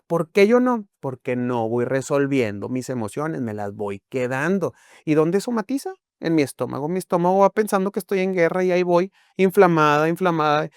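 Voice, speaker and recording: A man's voice: a little high, big pitch swings, brisk, few pauses, a little mellow, clean tone, no room sound, clean studio sound. A man, a guest on a talk show, explaining his views with acted-out examples and rhetorical questions. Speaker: guest speaker on emotions and health.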